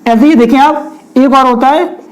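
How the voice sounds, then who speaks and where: A man's voice: very high voice, moderate pace, rough recording. A young man, giving a chemistry lecture at a whiteboard, often asking rhetorical questions and speaking directly to his students. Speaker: chemistry teacher.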